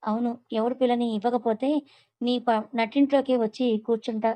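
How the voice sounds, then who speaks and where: A grumbling, blunt young man voiced by a woman reading the story complains and defends his friend. The voice is a little high and stays flat. The sound is dry and up close. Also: fairly quick, no room sound, lightly acted, poor audio.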